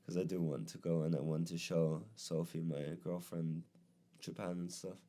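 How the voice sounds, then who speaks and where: A man's voice: sits low, normal speed. A tired young man co-hosting a podcast, chatting casually and musing aloud with lots of fillers. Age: young adult. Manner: relaxed, musing, many fillers and restarts. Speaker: podcast co-host. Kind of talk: casual chat.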